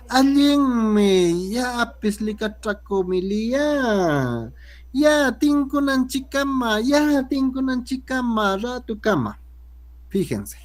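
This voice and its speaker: A man, teaching a language class. He explains a grading rubric and keeps checking in with his students. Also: a little high. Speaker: Quechua teacher.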